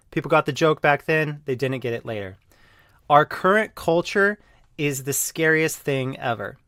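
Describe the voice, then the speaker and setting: A man talking casually on his video channel, rambling with lots of fillers and jumping into loud mocking voices when he quotes people. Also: medium pitch, no echo, clean studio sound. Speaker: YouTuber. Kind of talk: casual monologue.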